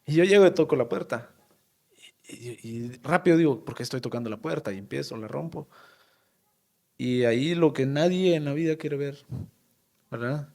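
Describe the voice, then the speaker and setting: A man with a Honduran accent, a town mayor telling a personal story in an interview, halting and emotional with many pauses and fillers. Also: a little high, gravelly, mellow. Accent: Honduran Spanish.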